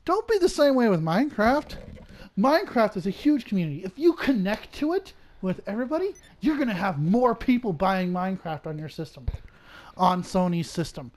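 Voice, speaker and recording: A man's voice: high-pitched, sing-song, moderate pace, a little mellow, no room sound. A man co-hosting a casual podcast, talking in an earnest, preachy, ranting way. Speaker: podcast co-host.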